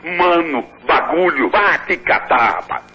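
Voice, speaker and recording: A father shouting insults and scolding a young man over the phone, exasperated and furious. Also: on the high side, lively intonation, a little slow, lo-fi sound. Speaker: father on a prank call. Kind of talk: heated phone argument.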